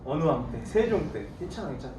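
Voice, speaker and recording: A man's voice: medium pitch, big pitch swings, fast, over a noisy crowd. A man teaching history to a class, putting questions to the students and answering them himself in a playful, teasing way. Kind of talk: classroom lecture. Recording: roomy classroom from far off, faint noise.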